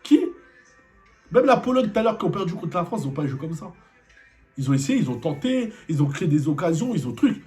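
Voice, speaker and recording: A man's voice: fairly high pitch, darkish tone. Angry man ranting after a match. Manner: angry, repetitive rhetorical questions. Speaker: football vlogger. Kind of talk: post-match debrief rant.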